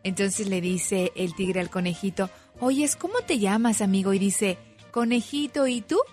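A woman voicing a sweet, patient young woman in a comedy radio sketch, speaking gently and affectionately. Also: medium pitch, expressive, moderate pace, soft background music, close to an everyday voice. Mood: storytelling.

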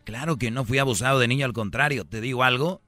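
A man's voice: medium pitch, quick pace, sharp tone, no room sound. A man hosting a radio talk show, arguing with callers in a combative, self-assured and lecturing manner. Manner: repeats a slangy address to callers. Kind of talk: heated on-air argument.

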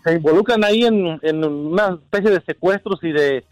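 A man's voice: on the high side, moderate pace, no room sound, rough recording. Upbeat man recommending a show. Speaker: radio contributor recommending a series.

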